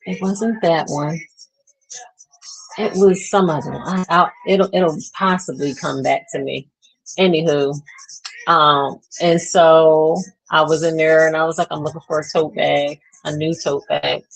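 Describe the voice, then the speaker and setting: A woman's voice: low-pitched, steady tone, unhurried, vocal fry, rough recording. A woman in her thirties, a vlogger chatting casually to her viewers, rambling and trailing off as she searches for words. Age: 30s. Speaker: beauty vlogger. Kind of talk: casual chat to camera.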